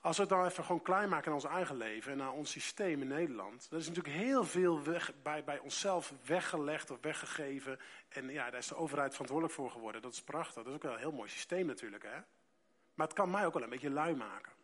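A man from the preaching a sermon, reading scripture aloud and stressing key words by slowing down and rising in loudness. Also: fairly high pitch. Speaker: pastor.

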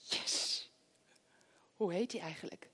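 A middle-aged woman preaching a sermon, telling stories with lively swings between hushed prayer and loud exclamations. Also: fairly high pitch, moderate pace.

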